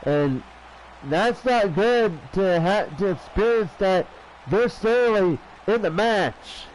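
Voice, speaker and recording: A male wrestling commentator with a high-set voice gives play-by-play at an unhurried pace. He speaks haltingly, restarting phrases, over a noisy background. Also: expressive. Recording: clear background noise.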